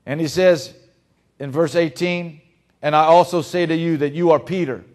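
A male pastor preaching a sermon, swinging between hushed, intimate lines and loud, emphatic ones. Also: on the high side, fairly even intonation, normal speed. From Louisiana.

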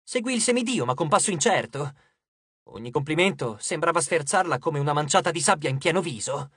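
A man narrating an audiobook in a steady, expressive storytelling voice. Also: fairly high pitch, a little fast, slightly rough, dry recording, clean studio sound. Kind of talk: scripted narration.

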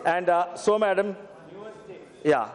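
In a reverberant parliament chamber, a middle-aged member of parliament from Telangana, India, a native Telugu speaker, speaks into a desk microphone with a slightly high voice. He's expressive and takes it slowly. Earnest throughout, he repeats "madam" often and stammers briefly.

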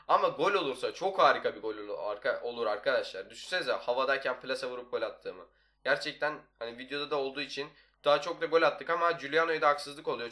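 Talking without a break, this young gaming video host chats casually over his gameplay through a desktop mic. His mid-range voice sounds bright and pushed.

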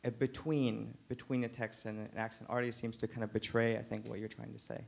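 Flat, gravelly man posing a question. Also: medium pitch. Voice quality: measured, hedging phrasing. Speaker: discussant asking a question. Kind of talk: academic question. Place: lecture hall.

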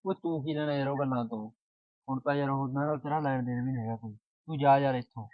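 A man's voice: medium pitch, steady tone, quick pace, no room sound, close to an everyday voice. A young man plays a lovesick village lad, mournful and pleading. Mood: grieving. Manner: mournful and pleading, dropping his voice. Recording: tinny phone-like sound.

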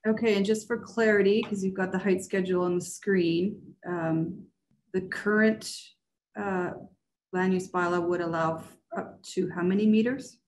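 A woman's voice: mid-range voice, fairly even intonation, normal speed, darkish tone, a little hiss or hum. A woman mayor chairing a council meeting over a video call, asking careful clarifying questions. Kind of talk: formal meeting discussion.

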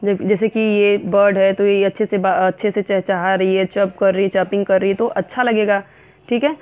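A woman teacher explaining a science textbook lesson, reading English lines slowly and then explaining them in Hindi with frequent fillers. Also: medium pitch, little pitch movement, clean tone. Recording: phone-like narrow sound.

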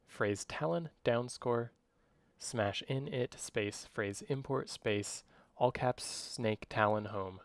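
A man dictating code by voice, speaking clipped strings of isolated command words as a software demonstration. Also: mid-range voice, slow, no room sound.

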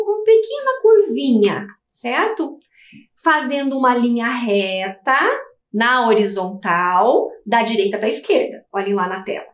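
A woman's voice: sits high, roomy sound. A Brazilian woman teacher patiently explaining step by step in a televised lesson for young children. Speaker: primary school teacher.

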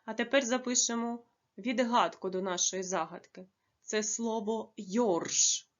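Woman teacher doing a kids' lesson, stretches words out slow, kinda muffled recording. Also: a little high, steady tone. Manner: slow, careful dictation with drawn-out words. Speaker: primary school teacher. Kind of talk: classroom lesson for young children.

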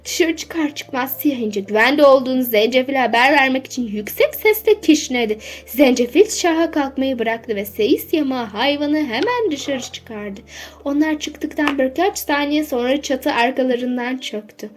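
High-voiced woman reading a children's story. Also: animated, normal speed.

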